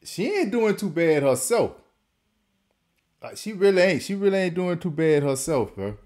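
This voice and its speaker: A man's voice: high voice, sing-song, moderate pace, darkish tone. A man hosting a casual reaction video, talking loosely, repeating words as he stumbles, and laughing often. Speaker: reaction channel host.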